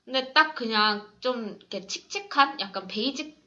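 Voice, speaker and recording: A woman's voice: fairly high pitch, expressive, normal speed, a crowd in the background. A young woman chatting casually about a film as a host, joking and self-deprecating, with slightly slurred, hissy consonants from dental braces. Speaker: podcast host. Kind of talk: casual film discussion chat. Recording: dull lo-fi recording.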